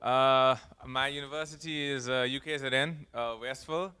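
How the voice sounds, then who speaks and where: Young man, very clear and bright voice, hesitant with lots of fillers. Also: medium pitch, fairly even intonation, moderate pace. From South Africa. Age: 20s. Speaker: audience volunteer, student.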